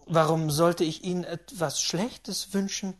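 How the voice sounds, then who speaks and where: Courteous young tutor, deferential, soft-spoken, read by a woman narrator. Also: fairly low pitch, fairly even intonation, unhurried. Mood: polite. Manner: polite and deferential. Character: young male tutor, polite and startled.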